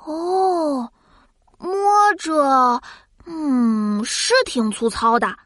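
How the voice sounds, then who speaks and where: A cheerful little child who hosts a children's science cartoon. The voice is very high and bright, with a dry, close sound. It is childlike, curious and full of wide-eyed exclamation. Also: female voice, very slow, no room sound, exaggerated voice. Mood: curious, impressed.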